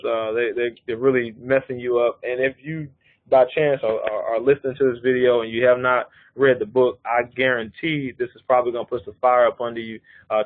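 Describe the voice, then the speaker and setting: A man in his thirties with a medium-pitched voice comes through narrow phone-line audio on a call line. He presents life insurance in a live conference-call walkthrough, explaining step by step and often checking in with "okay".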